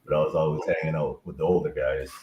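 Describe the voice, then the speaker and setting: Casting: low-voiced man reminiscing, on a roomy remote line with faint hiss. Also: steady tone, quick pace, dull audio. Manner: reminiscing, tells a story with warm praise. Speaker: guest. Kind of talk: casual chat.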